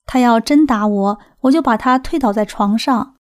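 A woman's voice: a little high, normal speed, darkish tone, close to an everyday voice. A woman reading the lines of a headstrong, agitated adult sister in a plain storytelling voice.

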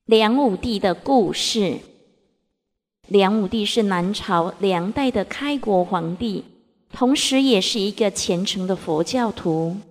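A woman recites lesson verses at a slow, deliberate pace, each phrase set apart. Her voice rings with a long hall reverb. Her pitch sits in a middling range. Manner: measured, deliberate chanting of verses. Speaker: reader of classical text lessons. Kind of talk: slow scripted recitation and storytelling.

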